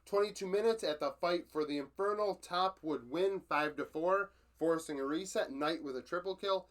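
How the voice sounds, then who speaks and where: Man, esports recap host, fairly high voice, matter-of-fact, filler-heavy, self-correcting. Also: normal speed. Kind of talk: casual game recap from notes.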